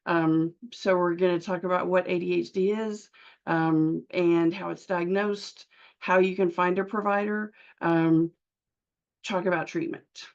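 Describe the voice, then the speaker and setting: A woman's voice: on the low side, fairly even intonation. Woman doctor over lo-fi video call audio. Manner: halting, many filler sounds and restarts. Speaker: physician presenting to a group. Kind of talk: webinar presentation.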